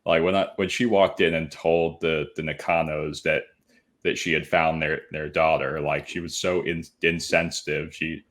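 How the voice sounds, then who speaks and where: A man with a very low voice co-hosting a casual podcast. He talks in a halting way, restarting and repeating words as he works through his thoughts. It comes across as easygoing conversation. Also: little pitch movement, a bit bright. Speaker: podcast co-host.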